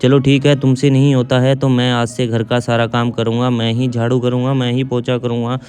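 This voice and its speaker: Indignant young husband in a storybook skit, scolding flatly, voiced by a man in his own smooth voice. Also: medium pitch, brisk, soft background music, close to an everyday voice. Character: angry young husband defending his sick mother.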